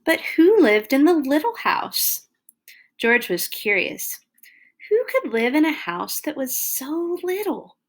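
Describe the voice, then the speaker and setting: Speaking slowly in a high-pitched voice, a woman reads a picture book aloud for a read-along, playing up the words with animated emphasis aimed at small children.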